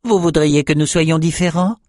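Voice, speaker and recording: A man voicing a naive, childlike albino shaman slaver in an audiobook, in a high, slow, puzzled voice. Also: fairly even intonation, darkish tone, no room sound, studio quality, lightly acted. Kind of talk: audiobook character voice.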